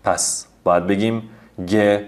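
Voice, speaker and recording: A man giving a recorded language lesson over slides, patiently spelling out letters and sounding out words slowly. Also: lowish voice, steady tone. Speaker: language teacher.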